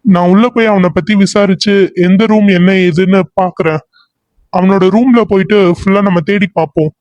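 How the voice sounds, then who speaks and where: A man's voice: sits high, fairly quick, a little mellow, no room sound, lightly acted. A man voicing a reassuring young searcher. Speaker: cartoon character. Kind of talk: cartoon serial voice acting.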